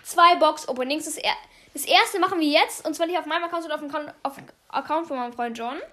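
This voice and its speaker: Fast-talking high-voiced young woman. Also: a little hiss or hum. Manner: chatty, quick, excitable. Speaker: podcast host. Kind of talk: casual gaming chat. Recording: music playing behind.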